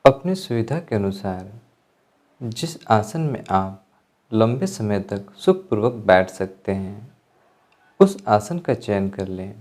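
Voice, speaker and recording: A man with a lowish voice leads a guided meditation as an instructor, speaking calmly in measured phrases with pauses. Music plays in the background.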